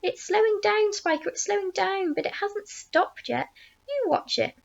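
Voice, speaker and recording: A woman voicing a fat, greedy, excitable aunt from a storybook, gushing and whining in shrill exclamations. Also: a little fast, gravelly, muffled recording. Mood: excited.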